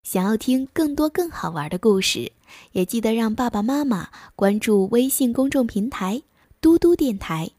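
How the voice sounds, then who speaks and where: A woman narrating a bedtime story for children in a gentle, unhurried way. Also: on the high side, animated, dry recording, clean studio sound.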